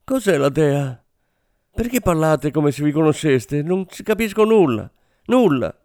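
A man's voice: sing-song, measured pace, a little mellow, no echo, studio quality. A man reading a story aloud, voicing a frightened young French woman who sobs and pleads. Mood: sobbing, panicked. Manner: tearful, pleading, shrill.

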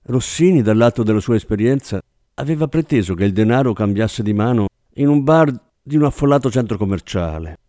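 A man narrating an audiobook in a steady, measured way. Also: medium pitch, dry recording, studio quality.

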